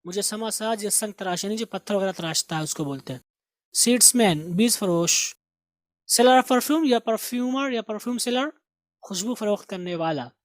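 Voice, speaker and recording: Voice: mid-range voice, dry recording. Teacher, patient and repetitive, recorded close and dry. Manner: explains slowly, repeats words for pronunciation. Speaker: English teacher. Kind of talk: spoken grammar and vocabulary lesson.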